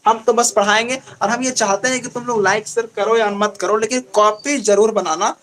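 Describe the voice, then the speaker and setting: A young male teacher with a Bihari Hindi accent, teaching a live online class. He asks a question and answers it himself, and he repeats key terms slowly. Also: high voice, steady tone, fairly bright tone, a little hiss or hum. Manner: call-and-response questioning, drawn-out repetition.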